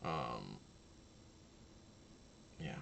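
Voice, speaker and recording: A man casually commentating his own card game match, thinking aloud and talking to his opponent, his voice low and slightly gravelly. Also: expressive, extremely slow, a bit bright, a little hiss or hum.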